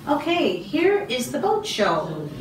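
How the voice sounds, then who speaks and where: A middle-aged woman from Canada, an English teacher giving a speaking test, slow and encouraging with many ums and throat clears. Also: high-pitched, wildly swooping pitch, heavy background noise. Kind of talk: slow, patient test interview. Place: small classroom office, indoors. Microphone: far camera. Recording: roomy, distant camera sound.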